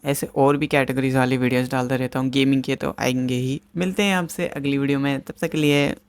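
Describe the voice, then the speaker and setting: A young man casually telling a funny storytime on his vlog, laughing and animated as he recounts it. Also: mid-range voice, a little fast, clear, resonant tone. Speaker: YouTuber.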